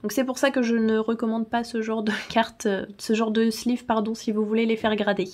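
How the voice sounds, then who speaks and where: A woman hosting a casual tutorial vlog, chatty, laughing often and filling pauses with "euh". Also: on the high side, flat delivery, darkish tone. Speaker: channel host.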